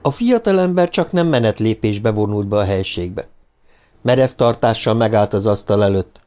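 A man narrating a novel as an audiobook reader, in a measured, even reading. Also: on the low side. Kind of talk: scripted narration.

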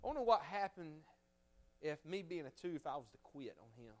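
A man preaching a revival sermon as a guest preacher, swinging from loud fervent exhortation to hushed storytelling. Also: a little high, big pitch swings, brisk. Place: church sanctuary.

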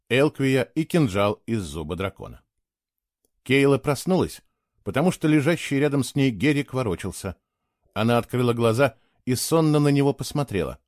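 A man's voice: medium pitch, no room sound. Guy narrating a storybook, lots of melody in his voice, dry recording. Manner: expressive storytelling. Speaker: audiobook narrator. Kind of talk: scripted narration.

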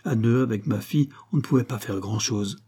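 A man voicing a grumbling middle-aged farmer who speaks gruffly and sounds resigned. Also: mid-range voice, a little fast, dark tone, natural voice. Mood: flat, resigned. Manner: gruff, quarrelsome.

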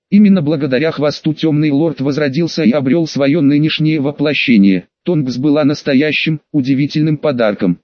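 A man reads a fantasy audiobook at a measured, even pace. His voice sits a little higher than average, and the recording is dry and slightly muffled. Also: no echo. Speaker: audiobook narrator. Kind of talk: scripted narration.

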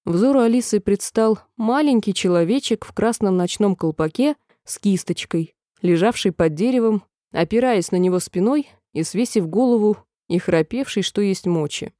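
A woman narrating a children's storybook with gentle, expressive storytelling. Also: mid-range voice, moderate pace, hardly any pauses, no room sound, clean studio sound.

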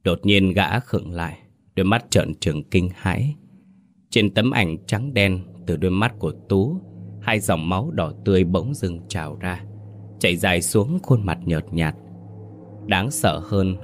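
A man narrating a scripted ghost story slowly and dramatically. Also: deep voice. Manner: slow, dramatic. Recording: narration over soft music.

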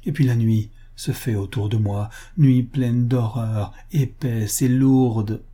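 A man's voice: steady tone, slow, dark tone. A man voicing a grief-stricken young kidnapped bride, reading a pulp adventure audiobook in anguished outbursts. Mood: horrified. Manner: sobbing, breathless outbursts, rising pitch in grief.

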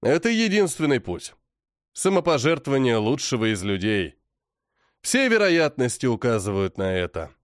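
A man's voice: medium pitch, sing-song, normal speed, no echo, clean studio sound, natural voice. Man doing a grave, sorrowful prince. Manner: grave, heavy, sighing. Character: stern powerful older prince, sorrowful father.

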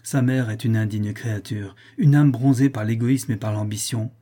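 A man's voice: on the low side, steady tone, normal speed, mellow, lightly acted. A man voicing a grieving, melancholy prince in an audiobook reading, speaking solemnly and sorrowfully. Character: grieving middle-aged prince, noble and melancholy.

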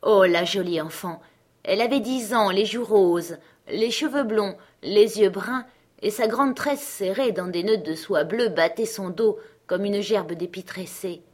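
A woman narrating an audiobook in a steady, clear storytelling manner. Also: mid-range voice, measured pace.

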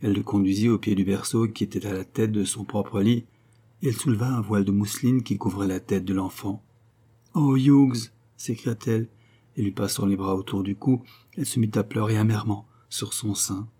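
A man reads a classic novel aloud at a measured, steady pace. His voice is low, mellow and dark, with a husky edge. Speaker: audiobook narrator. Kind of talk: literary audiobook narration.

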